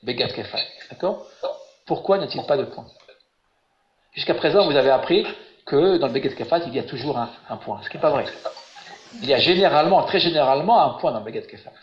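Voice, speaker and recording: A man teaching biblical Hebrew grammar online, patient and encouraging as he quizzes his students. His voice sits a little high. It sounds roomy and muffled, like webinar audio. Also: animated, quick pace. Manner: patient, encouraging, asks questions. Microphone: webinar call audio.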